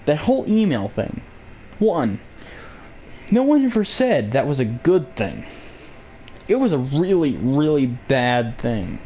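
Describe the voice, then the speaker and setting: A man's voice: medium pitch, very animated, slow, long pauses, warm tone, slight background noise. A young man hosting his own vlog, rambling through a sarcastic political rant full of jokey asides. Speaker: vlog host.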